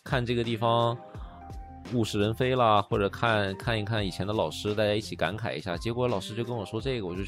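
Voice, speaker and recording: A man in his late twenties co-hosting a casual podcast, telling stories in a chatty way that gets animated and then trails off softly. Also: lowish voice, fast, soft background music. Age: late 20s. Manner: storytelling, animated when recounting, trails off softly. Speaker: podcast co-host. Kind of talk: casual chat.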